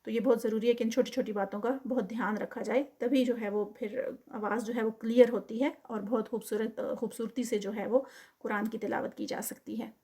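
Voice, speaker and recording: A woman's voice: on the high side, fairly even intonation, dark tone, husky. A woman with a Pakistani Urdu accent teaching Quran recitation, who draws out each example word in recitation and then explains it carefully, mixing in English terms.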